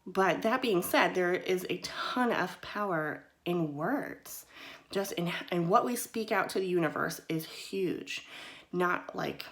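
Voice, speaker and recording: A woman's voice: lowish voice, lively intonation, slow, fairly bright tone. A woman hosting a mindfulness talk in a casual teaching style, chatty and loose, often checking in with her listeners. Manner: conversational, often checks in with "right?" and "okay?"; loose and chatty, with frequent "kind of" and "you know".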